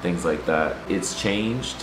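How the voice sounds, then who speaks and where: A man's voice: low voice, slow. A man in his thirties from Puerto Rico who was raised in the southern US, an entrepreneur talking casually as an interview guest in a loose, rambling way that is sprinkled with swearing. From Puerto Rico, raised in the US Gulf South. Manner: laid-back, profane, loose and rambling. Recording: roomy sound with background music.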